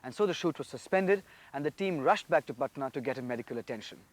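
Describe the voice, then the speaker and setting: Fast-talking male narrator. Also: mid-range voice, animated. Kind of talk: scripted narration.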